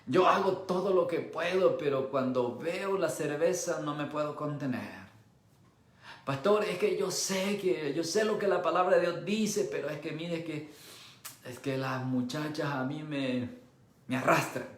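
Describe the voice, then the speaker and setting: A man's voice: fairly high pitch, measured pace, echoey room, voice pushed down, lightly acted. A man voicing a sheepish male churchgoer who stammers out excuses. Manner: hesitant, stammering, mumbling.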